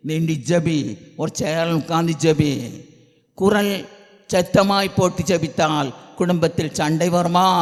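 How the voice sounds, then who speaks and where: A man with a Tamil accent preaches in a high voice at an unhurried pace, repeating his pleas until they swell into shouted prayer. His voice rings through a church prayer hall with a long reverb tail and a faint hum of ambient noise behind it. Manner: repetitive, pleading, builds to shouted prayer. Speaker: pastor. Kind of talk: sermon and loud congregational prayer.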